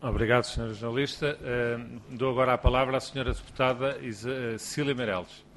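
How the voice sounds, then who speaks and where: Brisk European Portuguese man chairing. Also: medium pitch, fairly even intonation, fairly bright tone, a little hiss or hum. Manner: brisk, formal. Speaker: committee chair. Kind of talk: procedural chairing.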